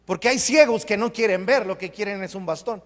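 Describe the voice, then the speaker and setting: A man preaching a sermon as pastor, emphatic and repetitive, with sudden loud bursts. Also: sits high, a little fast. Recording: long hall reverb.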